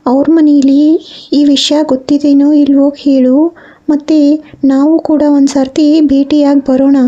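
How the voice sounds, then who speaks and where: A woman's voice: sits high, level tone, a little slow, warm tone. A woman playing a caring middle-aged mother who soothes her son and argues for him. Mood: reasoning. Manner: soothing, reasoning, firm. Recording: slightly dull audio.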